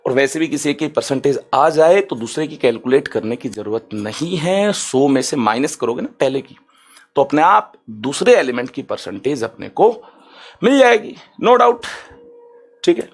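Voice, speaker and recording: A man teaching chemistry in an online lecture, lively and chatty, slowing down for careful English definitions and often checking in with his students. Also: medium pitch, vocal fry, slightly rough.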